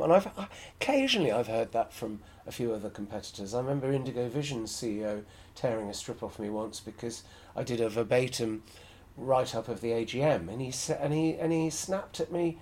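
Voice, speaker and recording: A man's voice: mid-range voice, animated, a little fast, darkish tone. A man hosting a solo podcast, talking frankly and with strong opinions as he thinks aloud. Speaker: podcast host.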